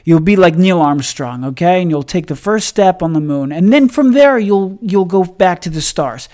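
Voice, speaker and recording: A man's voice: high-pitched, animated, moderate pace, a little mellow. A man hosting a podcast, giving a motivational religious talk with emphatic, repetitive phrasing that builds through stacked lines.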